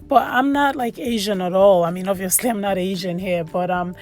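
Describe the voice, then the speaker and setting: A woman's voice: mid-range voice, normal speed, darkish tone, faint music behind. A woman from Sierra Leone giving casual, chatty food vlog commentary, often repeating words for emphasis. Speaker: food vlogger. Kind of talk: casual voice-over commentary on a meal.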